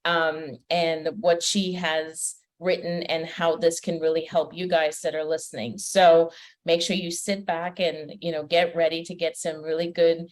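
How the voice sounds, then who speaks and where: A woman from Trinidad and Tobago, a podcast host and personal development coach, conducts a conversational interview in a chatty, welcoming way with frequent fillers. Her voice is deep and level, and she speaks unhurriedly.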